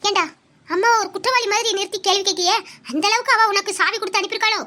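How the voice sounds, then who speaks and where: A woman's voice: extremely high pitch, quick pace, pushed and bright. A woman playing a middle-aged mother who defends herself and then pleads for forgiveness in a family drama skit. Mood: defensive.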